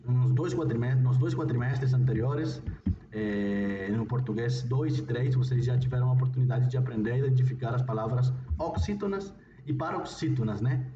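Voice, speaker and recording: A man's voice: mid-range voice, warm tone. Hesitant man teaching in an echoey room. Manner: hesitant, many fillers and restarts. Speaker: Portuguese teacher. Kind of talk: recorded video lesson. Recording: roomy, distant, dull, faint noise.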